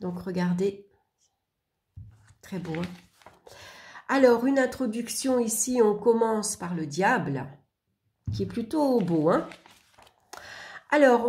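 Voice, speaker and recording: A woman's voice: on the high side, expressive, slow, pauses often, mellow. A woman giving a casual show-and-tell of a tarot deck, chatty and full of little asides.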